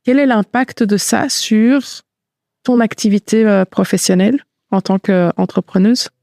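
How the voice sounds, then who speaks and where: Calm woman host asking questions. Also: medium pitch, measured pace, gravelly, no room sound, clean studio sound. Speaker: host, psychologist. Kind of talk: interview questions.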